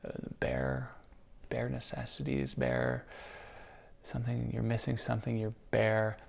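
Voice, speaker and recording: Gravelly-voiced man guessing out loud, jokey. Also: mid-range voice, very animated, measured pace. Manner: jokey, thinking out loud with playful example sentences. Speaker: contestant guessing slang. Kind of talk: casual chat, improvised guessing game.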